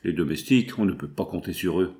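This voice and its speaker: A grumbling, middle-aged farmer drags out his woes in slow, plaintive phrases, as a male reader puts him on. His voice sits fairly low. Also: darkish tone, natural voice. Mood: chatty.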